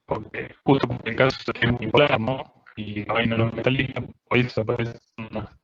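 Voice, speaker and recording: A man's voice: mid-range voice, steady tone, fairly quick, a bit bright. A male student asking a question in an online class, his voice coming through choppy and muffled like a drive-thru speaker, often restarting his phrases. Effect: choppy, muffled internet call audio like a drive-thru speaker. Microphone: computer mic on a video call. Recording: lo-fi, breaking-up internet call.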